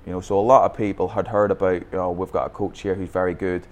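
A fast talker with a low voice and little pitch movement, this youth football academy founder from Northern Ireland shares his coaching story in a Bangkok podcast interview. His Northern Irish accent comes through as he speaks candidly, restarting frequently.

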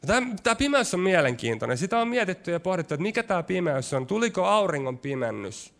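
A man preaching a sermon, his delivery shifting between quick, pressing stretches and slow, hushed lines. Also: high voice, very animated, creaky. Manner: varied delivery, rushing ahead then dropping to slow, hushed lines.

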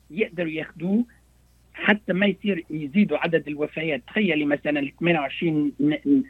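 A man with a Lebanese Arabic accent speaks quickly in a husky, slightly high voice. He explains like a doctor on the radio, repeating himself and mixing in English terms. The sound is thin and phone-like. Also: no echo. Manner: halting, repeats words, mixes in English terms. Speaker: doctor interviewed as guest.

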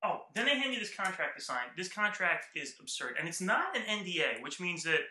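Fast-talking bright-voiced man telling a story. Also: high-pitched. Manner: animated, acts out quoted lines. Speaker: podcast co-host. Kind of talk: casual chat, storytelling. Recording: roomy echo.

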